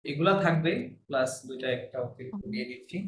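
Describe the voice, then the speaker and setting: A man's voice: medium pitch, fast talker, a bit bright. A man teaching a language class, patiently repeating words for his students to copy. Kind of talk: classroom lesson. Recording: echoey room, faint hiss.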